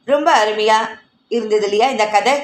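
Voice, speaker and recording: A woman narrating a short story in a slow, measured reading. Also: mid-range voice. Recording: echoey room.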